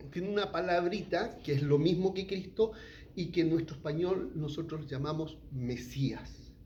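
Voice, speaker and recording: A man's voice: high-pitched, darkish tone, muffled recording. A middle-aged man, teaching a sermon and asking the congregation questions. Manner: asks the congregation questions, frequent "¿ya?". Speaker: pastor.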